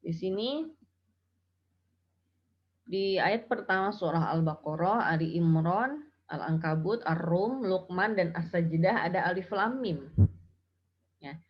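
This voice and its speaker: A woman's voice: lowish voice, lively intonation, slow, pauses often, husky. A woman teaching Quran recitation rules, explaining patiently and chanting example syllables. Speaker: tajwid teacher. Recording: dull lo-fi audio.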